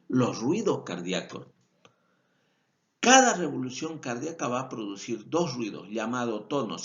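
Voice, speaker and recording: Bolivian male vet lecturer, slow patient explainer, lively intonation, dull lo-fi audio. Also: mid-range voice. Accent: Bolivian Spanish. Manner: explanatory, repeats key points, self-corrects. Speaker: veterinary lecturer. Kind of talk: recorded lecture over slides.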